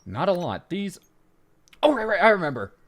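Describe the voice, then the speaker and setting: A let's play gamer casually comments on his gameplay at a moderate pace, rambling with fillers and self-interruptions. His pitch jumps up whenever he gets excited.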